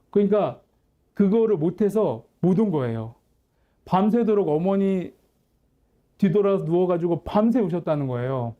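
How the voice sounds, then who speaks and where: A man's voice: fairly high pitch, phone-quality sound. A man in his forties, a pastor and counselor, telling a personal family story in a candid, conversational sermon.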